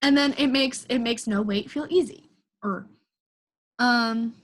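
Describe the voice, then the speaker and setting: A woman's voice: a little high, measured pace. Rambling young woman dancer, casual. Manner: rambling, heavy use of "like". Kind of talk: casual chat.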